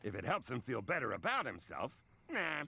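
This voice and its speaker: A man playing a gruff but kindhearted big creature detective in a game story, gravelly, awkward and hesitant. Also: mid-range voice, wildly swooping pitch, normal speed, bright, forceful tone, heavily acted. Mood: gruff, kindly. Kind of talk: game voice acting.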